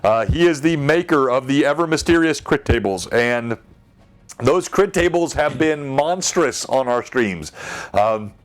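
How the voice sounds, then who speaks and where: A man running a tabletop game stream, chatting upbeat to viewers between scenes and giving shout-outs. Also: medium pitch, animated, a little slow. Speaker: game master and stream host. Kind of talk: live stream host chatter.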